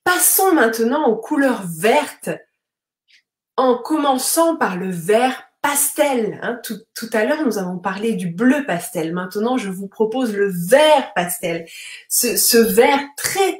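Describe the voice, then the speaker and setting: Woman, French teacher, live lesson, patient explanations, many fillers, fairly high voice, echoey room. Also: expressive. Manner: patient, slow explanations with frequent fillers and tag questions. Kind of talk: live-streamed vocabulary lesson, reading viewer comments. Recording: roomy echo.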